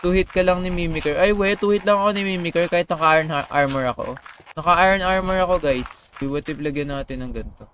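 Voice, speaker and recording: A man's voice: a little high, fast talker, a bit bright, slight background noise. A young man casually commentating a live game stream, chatting to viewers and reading their messages aloud. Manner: chatty, reads chat aloud, screams when startled. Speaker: gaming streamer.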